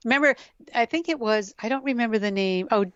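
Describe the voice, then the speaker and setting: A woman's voice: a little high, fast, no room sound. A middle-aged woman talking as a podcast guest, reflective and explanatory, laughing easily. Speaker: yoga scientist guest. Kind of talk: conversational podcast interview. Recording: dull lo-fi dry sound.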